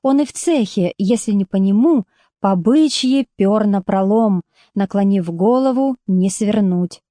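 A woman narrating a literary audiobook in a measured, expressive storytelling manner. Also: medium pitch, no echo, clean studio sound.

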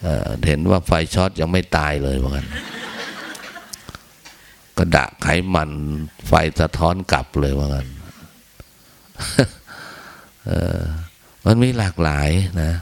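A man's voice: a bass voice, unhurried. A man giving a casual, humorous Buddhist Dhamma talk in earthy, crude language, often acting out the people he describes in raised voices.

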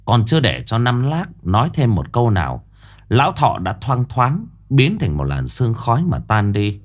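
A man narrating an audiobook ghost story in a lively storytelling manner. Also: medium pitch, moderate pace.

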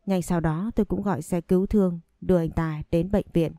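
A woman narrating a dramatic first-person story in a steady scripted reading. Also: fairly low pitch, brisk, no echo, studio quality, soft background music.

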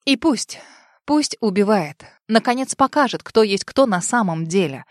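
Audiobook reader, woman, expressive first-person narration, mid-pitched, close dry studio sound. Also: measured pace, no echo.

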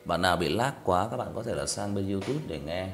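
A man's voice: sits low, expressive, fairly quick, faint music behind. A man who reads stories on a livestream, chatting casually and repeating himself as he talks straight to his listeners. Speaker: story reader on a livestream.

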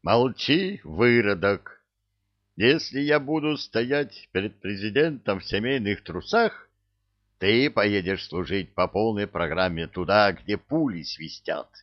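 A man voicing a gruff, foul-mouthed middle-aged army general who shouts and curses at his son. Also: on the low side, animated, slow pace, no echo. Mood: ranting. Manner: shouting, cursing, blustering. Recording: dull dry recording.

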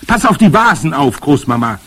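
A man reading aloud gives an excited young boy who was turned into a talking mouse a high, eager voice, full of breathless exclamations. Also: normal speed, husky. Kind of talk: audiobook character voice.

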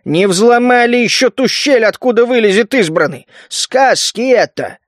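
A man's voice: very high-pitched, animated, normal speed, no echo, clean studio sound, voice pushed up. A man doing a grumbling rat-faced mutant. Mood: suspicious grumbling. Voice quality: gruff, grumbling.

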